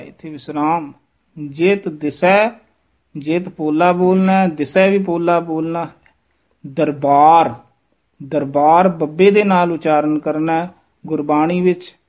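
A man teaching the correct pronunciation of scripture, slowly repeating and demonstrating each word. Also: fairly high pitch, a little mellow. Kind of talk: pronunciation lesson.

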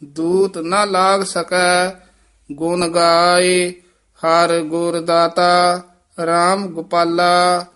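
Slow-chanting man teaching scripture recitation. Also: sits high, completely flat delivery, smooth. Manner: measured, drawn-out chanting, then quick quiet corrections. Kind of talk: slow chanted recitation with spoken pronunciation instructions.

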